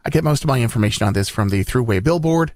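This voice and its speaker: A man's voice: medium pitch, animated, fast talker, darkish tone. A man hosting morning radio, reading news in a conversational, bantering style.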